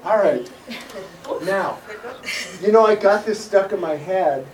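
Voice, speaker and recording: A woman's voice: medium pitch, takes it slowly. A woman leading a workshop group, cheering and coaching with lots of enthusiasm and laughter. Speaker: workshop leader. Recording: distant mic, loud crowd and noise.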